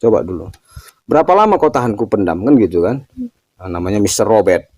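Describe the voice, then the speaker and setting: An older man with a lowish, dark-toned voice speaks briskly, his pitch swinging widely. As a religious teacher answering a question, he gives a casual spiritual talk full of stories, often closing phrases with the tag "kan gitu".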